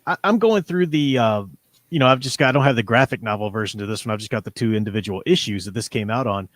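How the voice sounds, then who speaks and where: This man in his forties hosts a livestream, chatting casually and rambling with a fan's enthusiasm about comics and audio dramas. His voice sits on the low side with a fairly bright tone, he talks fast, and there's no echo.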